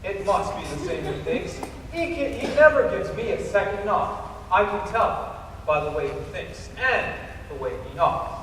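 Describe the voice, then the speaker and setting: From a distance in a very echoey hall, a man plays a resentful, eccentric understudy critic in a stage farce. His high male voice swings theatrically between muttering and declaiming. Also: expressive, normal speed, fairly bright tone. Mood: brooding. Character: resentful, brooding, eccentric second-string critic. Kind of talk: farcical stage play acting. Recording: echoey hall from far off, faint noise.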